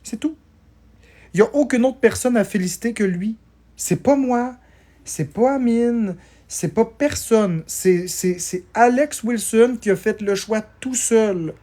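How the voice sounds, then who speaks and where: A man's voice: high voice, slow, mellow. A man, tired, chatting casually on a live stream as he answers viewer comments and thanks people for gifts.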